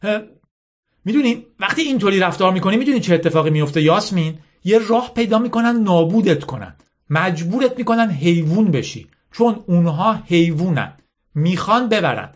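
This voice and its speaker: A man's voice: high-pitched, animated, voice pushed up. A man voicing a bitter, scornful teenage girl who leads an army, lecturing with hammering rhetorical questions.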